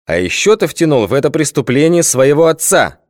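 A man's voice: fairly high pitch, big pitch swings, a little fast, no echo, clean studio sound, pitched above the performer's own voice. A man voicing a pompous male district official who lectures with mocking sympathy. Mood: solemn.

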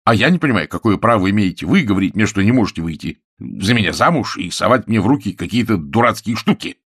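A man's voice: fairly low pitch, moderate pace, no room sound, studio quality. A man reading aloud and voicing a flustered young man who blusters in protest. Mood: indignant. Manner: blustering, indignant.

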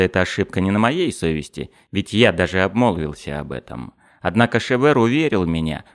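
A man with a deep, low voice narrates an audiobook in the first person. His reading is steady and measured, with an even storytelling pace.

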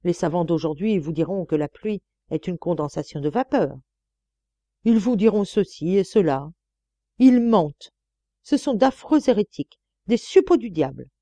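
A woman's voice: fairly low pitch, lively intonation, moderate pace, mellow, no room sound. A woman reading an audiobook and voicing a pompous elderly village priest who preaches to children and stammers when alarmed. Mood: preaching.

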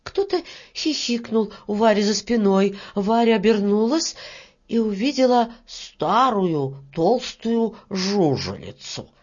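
A woman narrating a fairy tale in an expressive storybook reading. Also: mid-range voice. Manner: slow, expressive, lilting. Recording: dull lo-fi recording.

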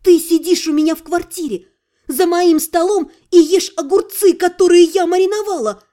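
A woman's voice: extremely high pitch, unhurried, dark tone, pitched above the performer's own voice. A woman voicing a stubborn, nervous young woman in an audiobook, flustered yet defiant as she pleads her case. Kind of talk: audiobook character voice.

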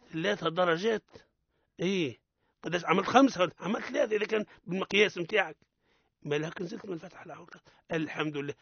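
A Tunisian-accented man leads a radio recitation lesson in a husky, high voice. He corrects errors firmly and stretches out example words slowly so the listener can copy them. The recording is dry and has a dull, lo-fi broadcast sound. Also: fairly bright tone, no echo. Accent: Tunisian Arabic. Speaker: Quran recitation teacher. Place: radio studio.

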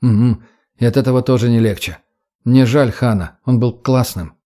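A man voicing a gruff, brutal older male fighter with a curt, coarse, weary way of talking in an audiobook. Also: mid-range voice, normal speed, dark tone, close to an everyday voice. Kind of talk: audiobook character voice.

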